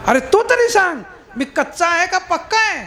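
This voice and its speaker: A man's voice: very high voice, lively intonation, normal speed, sharp tone, some chatter behind, voice pushed up, exaggerated voice. Man playing an indignant hot-tempered saint. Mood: aggrieved. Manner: exasperated, protesting.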